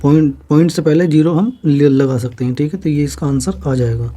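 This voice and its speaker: Pitched on the high side, his voice is dark and steady as he works through a maths exam-prep lesson. He explains slowly, repeats each step, and answers the questions he raises.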